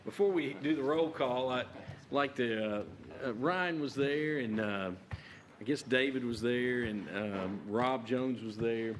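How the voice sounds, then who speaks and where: Man, county judge running a meeting, lots of uhs, mid pitch, faint hiss behind. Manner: halting, with many filler "uh"s and restarts. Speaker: county judge chairing a fiscal court meeting. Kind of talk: chairing a public meeting.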